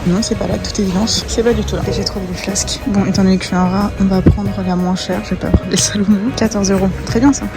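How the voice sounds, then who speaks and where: A tired young woman from France talks fast into a handheld phone while out on errands and at home. Her chat is casual and self-mocking, full of rambling asides, and music plays clearly behind her. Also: mid-range voice, fairly even intonation. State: exhausted. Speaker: vlogger. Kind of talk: casual vlog chat to camera. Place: car, shops and home, moving around.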